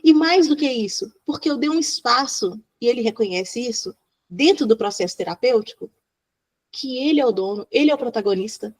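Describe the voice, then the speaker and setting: Lively, expressive woman storyteller. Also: fairly high pitch, fairly quick. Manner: lively, expressive, laughs often, acts out quoted voices. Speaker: child psychologist guest. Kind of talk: animated storytelling in a podcast interview.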